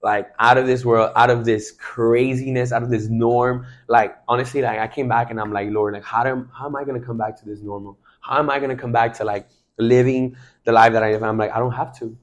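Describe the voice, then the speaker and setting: A man in his twenties from Mexico, talking excitedly about faith in a casual chat, emphatic and full of slang fillers. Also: mid-range voice, a little fast, highs cut off. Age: 20s.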